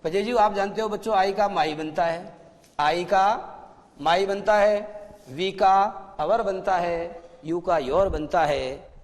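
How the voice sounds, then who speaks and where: A man teaching a classroom grammar lesson, explaining slowly and asking his pupils questions that he then answers himself. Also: sits high, long reverb tail.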